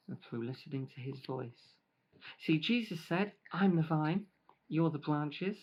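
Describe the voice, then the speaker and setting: A man giving a lively children's church talk, playful and chatty, eating grapes as he speaks. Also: a little high. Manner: lively, playful, eats grapes while talking. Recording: dull lo-fi recording.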